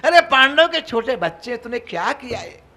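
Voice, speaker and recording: A man voicing a horrified warrior king who wails loudly in anguish. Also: very high voice, very animated, moderate pace, pitched above the performer's own voice, heavily acted. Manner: loud anguished wailing.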